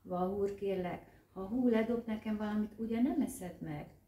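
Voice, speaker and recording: A woman doing a humble hungry crow who begs politely, lifted higher than her usual reading voice. The sound is distant and echoey, as if from across a room. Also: lo-fi sound, natural voice. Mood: pleading. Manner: humble, pleading. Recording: roomy echo, distant mic.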